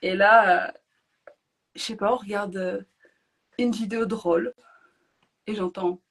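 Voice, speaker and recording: A woman guest on a podcast, telling her own story in a lively, emotional way and often laughing between phrases. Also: medium pitch, unhurried. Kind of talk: personal storytelling.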